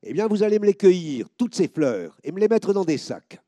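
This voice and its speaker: A man's voice: sits high, sing-song, dry recording, voice pushed up. A man voicing a barking army officer. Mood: commanding. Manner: loud, commanding, drawn-out emphasis. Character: stern male army officer barking orders at soldiers.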